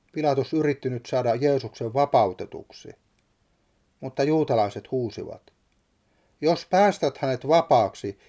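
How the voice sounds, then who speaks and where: A man's voice: mid-range voice, warm tone. A man solemnly reading a Bible passage and preaching on it, stressing the quoted lines with drama.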